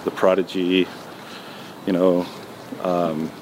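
Hesitant low-voiced man being interviewed. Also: little pitch movement, slow pace. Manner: hesitant, many ums and restarts. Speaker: music producer guest. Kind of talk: relaxed interview answers. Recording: noisy background.

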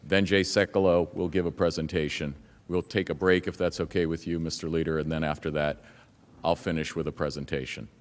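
A man's voice: rumbling low, level tone, fairly quick. A man speaking as a lawyer to a legislature in a formal but plain procedural address. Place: large indoor legislative chamber. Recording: echoey hall.

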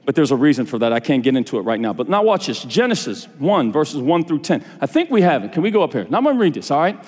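A man preaching a sermon as pastor, animated, repeating phrases and asking the congregation to respond. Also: fairly high pitch, fast talker, slightly rough. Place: church sanctuary. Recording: long hall reverb with faint music.

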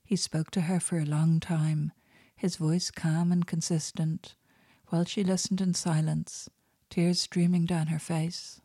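A woman narrating an audiobook in a soft, unhurried, intimate way. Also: fairly low pitch, level tone, slightly rough, dry recording, studio quality.

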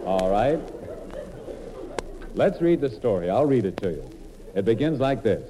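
With a lowish voice and big swings in pitch, a man narrates scripted comedy at a measured pace on old-time radio. He's a comedian and monologist telling his tale in a mock-earnest manner, preserved on a noisy old broadcast recording.

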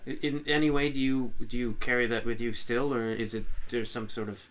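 A man with a mid-range voice questions a guest in a relaxed conversation. He restarts his sentences often while probing for more. His questions come out halting and exploratory. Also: mid-range voice, noisy background. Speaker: interviewer. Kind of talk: casual interview conversation.

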